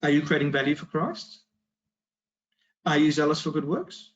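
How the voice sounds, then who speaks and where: A man's voice: fairly high pitch, expressive, normal speed. A man giving a Bible study talk, emphatic and fond of rhetorical questions. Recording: dull lo-fi recording.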